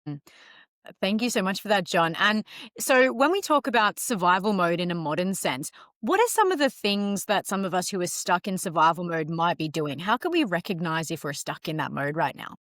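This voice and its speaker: A woman co-hosting a podcast, welcoming the guest and asking measured questions. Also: lowish voice, lively intonation, a bit bright, no echo, clean studio sound. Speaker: podcast co-host. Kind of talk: polished interviewing.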